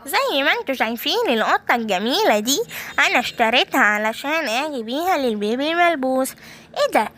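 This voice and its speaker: A woman's voice: high voice, very animated, fast talker, a bit bright. A woman with an Egyptian accent voicing a wicked old granny villain in a game video, teasing and sing-song as she talks to viewers. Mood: mischievous. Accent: Egyptian Arabic. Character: wicked old granny villain, scheming but claiming kindness. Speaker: gaming YouTuber. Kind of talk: playful game role-play narration.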